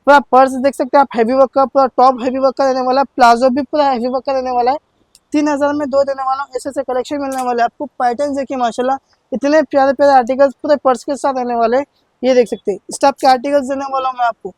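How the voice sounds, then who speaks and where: Male shop presenter, notably high-pitched, dry sound; eager, insistent, repetitive teleshopping sales pitch. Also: level tone, quick pace, no room sound. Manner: insistent, repetitive, hard-selling. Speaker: shop seller presenting sale offers.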